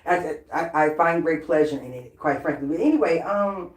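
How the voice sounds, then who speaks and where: Low-voiced woman ranting in an echoey room. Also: lively intonation, moderate pace. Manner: blunt, profane and shady, laughing between lines. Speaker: vlogger. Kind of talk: casual unscripted rant.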